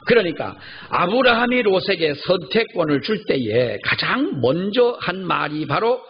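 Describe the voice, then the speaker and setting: Gravelly older man preaching a sermon. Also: high-pitched, very animated, unhurried. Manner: storytelling, emphatic repetition of key phrases. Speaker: pastor. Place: church. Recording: slightly dull recording, faint background noise.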